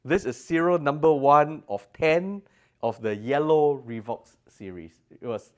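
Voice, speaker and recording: In an interview in an exhibition room at an audio show, a designer demonstrates his products, stressing technical details as he explains them. The man speaks at a measured pace in a voice that sits a little high.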